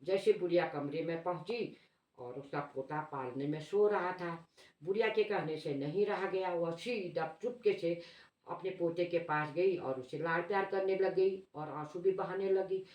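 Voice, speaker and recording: Low-voiced woman telling a folk tale. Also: moderate pace, muffled recording. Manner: unscripted telling with frequent restarts. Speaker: storyteller, vlog host. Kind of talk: oral storytelling of a moral tale. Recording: roomy echo, distant mic.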